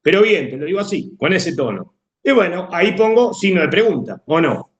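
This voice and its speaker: A Rioplatense-accented male teacher giving a classroom lecture. His pitch sits a little high and swings freely as he explains, and he keeps asking the class whether they follow. The sound carries an echoey room. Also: very animated, fairly quick, muffled recording. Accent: Rioplatense Spanish. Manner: explanatory, checks understanding often.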